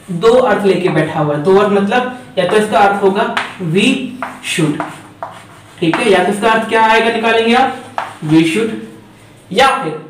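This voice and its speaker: A man's voice: high voice, recorded from a distance, slight background noise. A man teaching English grammar in a chatty lecture style, often asking a question and then answering it himself. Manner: chatty, repeats points, asks and answers himself. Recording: echoey room, voice from off the mic.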